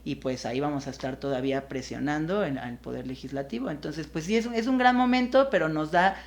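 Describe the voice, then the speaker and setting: A drug policy activist answering interview questions in an earnest, measured way, pausing often with fillers. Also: mid-range voice.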